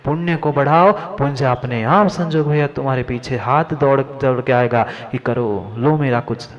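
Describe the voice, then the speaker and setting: A man's voice: mid-range voice, measured pace. A man giving a Jain sermon, addressing listeners by name and repeating his lines for emphasis. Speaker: Jain monk preacher. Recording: dull lo-fi sound.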